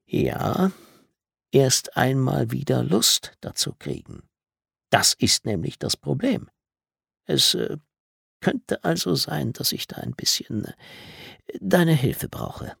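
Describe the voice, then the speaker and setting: A man's voice: fairly low pitch, expressive, no echo, studio quality. A male audiobook reader voicing a kindly old football coach who talks hesitantly. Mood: confiding. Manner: hesitant, halting.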